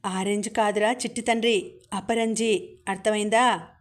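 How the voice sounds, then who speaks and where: A woman's voice: medium pitch, fairly even intonation, unhurried, lightly acted. A woman reading the lines of a teasing young male college student who banters with and scolds his friends, in an audiobook.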